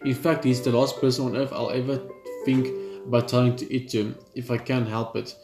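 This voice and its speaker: A man with a mid-range voice reads a visual novel aloud for a let's play, speaking a little fast with little pitch movement. He stumbles and rereads now and then, adding asides to the narration. The recording has a roomy echo with video game music behind him.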